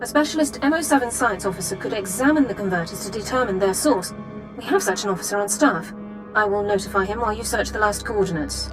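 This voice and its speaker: An actress speaks fast in a mid-range voice close to everyday speech, portraying a strict, formal female sergeant with precise, clipped reports. The game cutscene audio, which includes a music bed, is poor, and her accent sounds Imperial.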